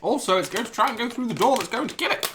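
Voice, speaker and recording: A woman's voice: fairly high pitch, animated, rapid-fire, a bit bright, slight background noise. A woman with an English accent playing a tabletop game, giggly and theatrical in casual chat. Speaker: player.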